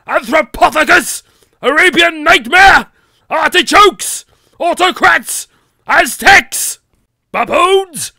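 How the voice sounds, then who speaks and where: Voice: high-pitched, sharp tone, no echo, heavily acted. A performer voicing an irascible bearded old sea captain, bellowing a theatrical tirade of insults. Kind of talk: impression reeling off a list of shouted insults. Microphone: condenser mic with pop filter.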